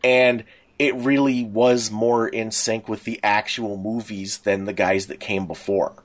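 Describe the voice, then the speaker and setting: A middle-aged man with a lowish, steady voice co-hosts a podcast, taking his time. His casual, nostalgic fan chat wanders, with lots of restarts along the way.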